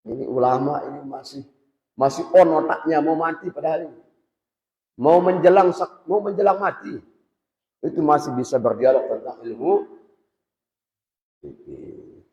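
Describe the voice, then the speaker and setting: A man's voice: on the high side, animated, moderate pace, pauses often, warm tone. A man teaching an informal religious lesson to boarding school students, talking conversationally and putting questions straight to them. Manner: conversational, quizzes students directly. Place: boarding school prayer hall. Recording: echoey hall, dull lo-fi sound.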